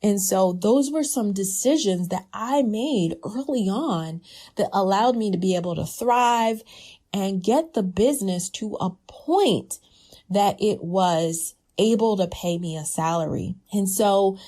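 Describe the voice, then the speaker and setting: A woman coach talks straight to aspiring entrepreneurs in a relaxed, conversational way, leaning hard on key points. Her voice is warm and mellow, at an ordinary pitch for a woman. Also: a little slow. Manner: conversational, emphatic, laughs lightly. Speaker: business coach. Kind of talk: casual advice talk.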